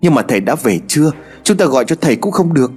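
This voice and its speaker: Man voicing worried mother, fretful, tearful, raised pitch, husky, storybook narration. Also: very animated, quick pace, darkish tone, soft background music. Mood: anxious.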